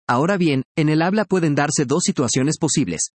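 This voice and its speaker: A man narrating a scripted language lesson, measured and precise, spelling out syllables slowly. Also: a little high, expressive, no room sound. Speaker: language teacher.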